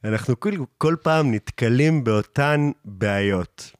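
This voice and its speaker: Animated man telling a story. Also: mid-range voice, no echo, studio quality. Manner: animated, acts out quoted lines in raised voice, laughs often. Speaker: podcast host. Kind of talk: casual monologue storytelling.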